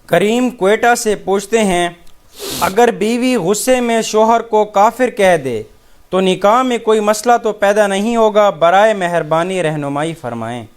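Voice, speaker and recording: A man reading listeners' questions aloud in a plain, measured way. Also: high voice, clean tone.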